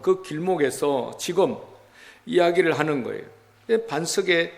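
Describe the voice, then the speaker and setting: A man's voice: fairly high pitch, vocal fry, in a large hall. A man preaching a Sunday sermon as pastor, retelling scripture in a conversational way and putting rhetorical questions to his congregation. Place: church sanctuary.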